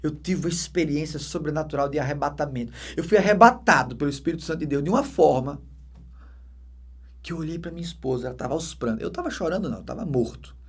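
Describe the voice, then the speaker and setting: A deacon with a Brazilian Portuguese accent gives a dramatic conversion testimony, alternating loud emphatic bursts with hushed, soft passages. His husky voice is on the high side, he talks fast, and his intonation is lively.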